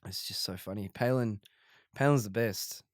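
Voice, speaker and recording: As a guest comedian in a relaxed interview, a man in his forties rambles through stories full of restarts and filler words. His accent is mostly Australian with a faint South African trace, and his fairly low voice moves at a normal speed in clean, echo-free studio sound.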